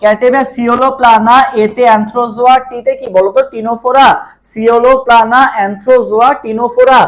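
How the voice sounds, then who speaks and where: Fast-talking tutor, drilling by repetition. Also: male voice, extremely high pitch. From Bangladesh. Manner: drills by repetition, asks questions and answers them himself. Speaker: exam-prep tutor. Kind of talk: live online class.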